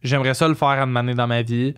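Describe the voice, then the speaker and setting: A man's voice: mid-range voice, fairly even intonation, quick pace, fairly bright tone, clean tone. A young adult man with a Quebec French accent, chatting casually in slangy speech sprinkled with English phrases. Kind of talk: casual chat.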